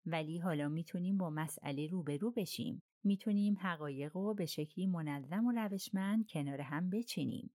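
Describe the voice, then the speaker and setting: A calm, methodical detective, as a woman narrator gives him voice in an audiobook, laying out his reasoning steadily. The voice is low-pitched and the recording is dry and close to the mic. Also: hardly any pauses, no room sound, lightly acted. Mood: measured. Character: calm, methodical middle-aged male detective.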